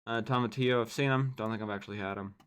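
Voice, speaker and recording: A man's voice: on the low side, fairly even intonation, very fast, smooth. A young man livestreaming, ranting casually and profanely as he rates a list.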